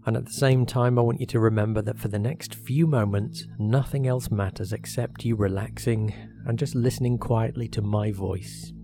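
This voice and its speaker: A man leading a guided hypnosis meditation as a relaxation therapist, speaking in a soothing, measured way with short phrases and pauses. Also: on the low side, fairly even intonation, creaky. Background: meditation music.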